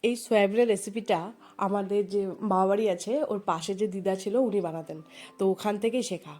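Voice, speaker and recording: A woman's voice: mid-range voice, steady tone, fairly quick, a little mellow, soft background music. A woman, stuffed up and nasal from a cold, chatting homely voice-over narration to her viewers. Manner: rambling, homely, talks to viewers. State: congested from a cold. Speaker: home vlogger.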